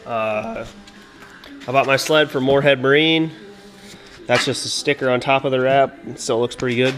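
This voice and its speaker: A man's voice: mid-range voice, soft background music. A young man from Minnesota walking through the upgrades on his snowmobile in a garage workshop, talking casually with lots of fillers and recorded on a head-mounted action camera. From Minnesota, USA. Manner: relaxed and unhurried, many "uh" and "um" fillers. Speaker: snowmobile vlogger.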